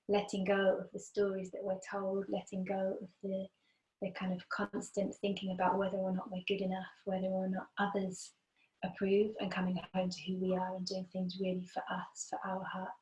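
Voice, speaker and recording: A woman teaching a guided meditation as a spiritual guide, speaking gently, soothingly and without hurry. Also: mid-range voice. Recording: roomy, echoing sound.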